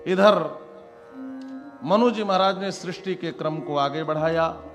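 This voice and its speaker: Speaking at a measured pace in a fairly high voice, this man delivers a Bhagavat katha sermon of devotional scripture stories. He acts out the characters' lines dramatically with exclamations, while instrumental music plays behind him in long reverb.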